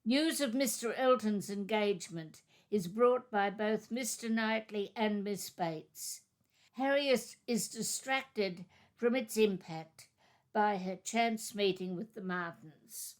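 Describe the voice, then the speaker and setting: A woman co-hosting a literary discussion podcast, reading a chapter summary and giving measured, thoughtful commentary. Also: medium pitch. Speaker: podcast co-host.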